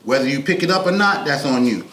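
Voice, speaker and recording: Chill guy on a podcast thinking out loud, kinda rambly, room echo. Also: medium pitch, expressive, fast. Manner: laid-back, reflective, talks in loose run-on thoughts. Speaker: podcast co-host. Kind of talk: casual podcast chat. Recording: echoey room with faint background noise.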